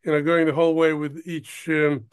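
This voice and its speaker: Smooth-voiced older man from Ukraine. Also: on the high side, level tone. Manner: halting, searching for words, many fillers. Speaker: guest, producer. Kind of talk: casual interview talk.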